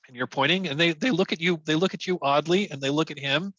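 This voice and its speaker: Bright-voiced male game master. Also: on the high side, quick pace, dry recording, highs cut off. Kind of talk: running a tabletop game.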